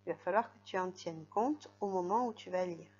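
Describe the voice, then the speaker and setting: A woman's voice: on the low side, moderate pace, darkish tone. A woman teaching young children to read, patiently guiding them through the text and spelling out letters and syllables. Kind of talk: reading lesson for young children. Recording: dull lo-fi recording.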